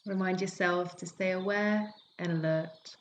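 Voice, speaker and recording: A woman teaching yoga nidra guides a relaxation meditation gently and soothingly, unhurried and with long pauses. Her voice is fairly low, set against calming forest sounds with birdsong and slight background noise.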